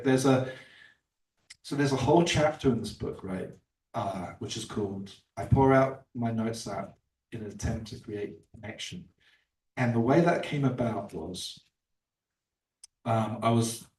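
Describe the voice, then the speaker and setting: A man with a mid-range, darkish voice talks about his book at a bookstore event, wandering through his thoughts with plenty of fillers and restarts. He is the author, and the sound is roomy and distant from the mic.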